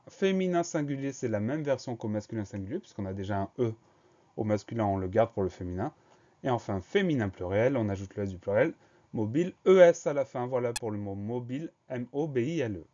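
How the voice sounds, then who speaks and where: A man's voice: medium pitch, warm tone, highs cut off. A man teaching a spelling lesson, patiently spelling words letter by letter. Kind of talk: slow dictation lesson.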